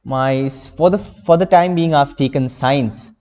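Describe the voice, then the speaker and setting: A man's voice: on the high side, unhurried, a little mellow, in a large hall, muffled recording. A teenage boy from India speaking earnestly as an interview guest, rambling with many fillers. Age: teens. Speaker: interview guest, young novelist. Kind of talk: casual interview.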